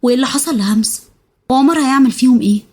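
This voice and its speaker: Rapid-fire husky Egyptian woman storyteller. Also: high voice, darkish tone. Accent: Egyptian Arabic. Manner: breathless, rushing storytelling. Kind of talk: dramatic story narration.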